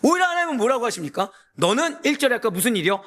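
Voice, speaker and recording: A man preaching a sermon as a pastor, emphatic and full of rhetorical questions to the congregation, rising to near-shouts. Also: very high-pitched, very animated, racing.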